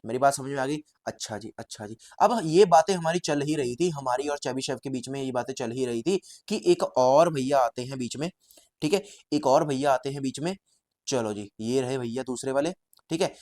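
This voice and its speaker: A man teaching statistics as a story, lively and repetitive, often calling his viewers brother. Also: mid-range voice, normal speed. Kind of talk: storytelling lecture.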